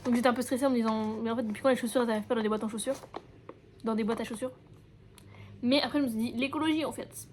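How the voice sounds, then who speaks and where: A woman's voice: a little high, steady tone, racing, noisy background. A young woman with an accent from France chatting casually in a vlog, slangy and self-mocking, dropping in English words. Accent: French from France. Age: young adult. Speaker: vlogger and university student.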